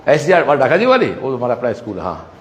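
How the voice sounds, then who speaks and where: Man, animated pitch, chatty, faint hum behind. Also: fast talker. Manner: chatty, talks to students and camera. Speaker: coaching and school founder touring his campus. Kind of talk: live walkthrough vlog. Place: school classrooms and corridors.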